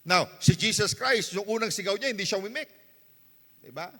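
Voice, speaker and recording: A man with a Filipino accent, preaching a sermon as pastor with passion and mixing Tagalog and English, moving from hushed passages to shouting. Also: high-pitched, a little fast. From Philippines. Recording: long reverb of a church hall.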